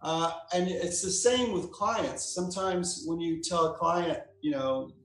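Male therapist guest, slightly high voice, echoey room, chatty storytelling. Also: unhurried. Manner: relaxed anecdotal explaining, acts out quoted lines. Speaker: psychotherapist guest. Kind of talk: interview answer, storytelling. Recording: roomy echo.

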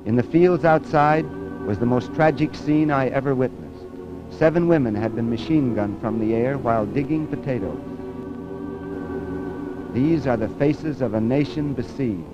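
A man's voice: mid-range voice, moderate pace. A man giving a solemn eyewitness narration for an old 1940 newsreel. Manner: solemn, first-person eyewitness account. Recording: dull lo-fi 1940 film soundtrack with loud music.

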